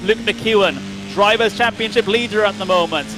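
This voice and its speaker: A man with a British accent calling a sim racing finish live, as rapid play-by-play that turns breathless at the end. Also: high-pitched, music in the background, rough recording. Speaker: race commentator. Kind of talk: excited live race commentary.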